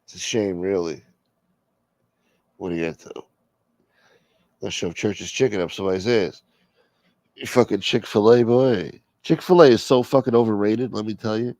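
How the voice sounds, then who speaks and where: A man hosting a show, delivering a crude, deadpan comic monologue. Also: on the low side, normal speed, long pauses, no echo, clean studio sound. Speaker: show host. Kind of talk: rambling comedic monologue.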